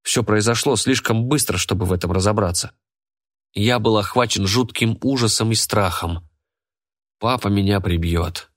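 A man narrates a first-person story in a steady, measured reading voice. His pitch sits on the low side. The delivery stays even throughout. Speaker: audiobook narrator.

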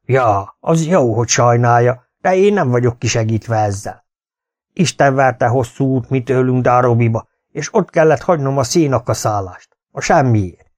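A man voicing a gruff, domineering older farmer who growls and scolds in an audiobook. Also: medium pitch, a little mellow, lightly acted. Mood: scolding. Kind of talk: audiobook character voice.

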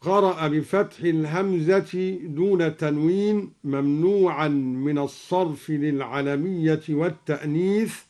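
A man explaining Quranic reading variants in a measured, scholarly way and chanting each verse slowly and melodically as an example. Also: a little high, a little mellow. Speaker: Quran recitation teacher introducing radio episodes. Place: radio studio.

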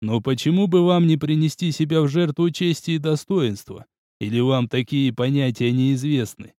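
A man's voice: fairly high pitch, dark tone, no room sound, clean studio sound, natural voice. A man voicing a stern, cunning male military academy instructor who speaks formally. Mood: cold, formal. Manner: measured, cold, formal.

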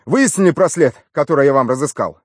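An excitable young man, as a male audiobook reader puts him on, pitched well up and rushing his words. He sounds eager and pushy, with lots of lift in his delivery. The recording is dry and close. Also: breathy edge, no room sound. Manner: breathless and pushy.

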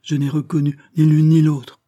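Un homme incarne une jeune noble effrayée qui supplie et pleure, dans la lecture d'un roman. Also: male voice, fairly high pitch, flat delivery, moderate pace, warm tone, no room sound, muffled recording, voice pushed up, close to an everyday voice. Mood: distraught, pleading. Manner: tearful, trembling pleading. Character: frightened young noblewoman, tearful and pleading. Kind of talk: audiobook character reading.

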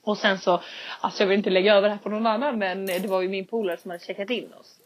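A young woman in casual podcast chat, telling a story with lively acted-out quotes and casual swearing. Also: medium pitch. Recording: dull lo-fi sound.

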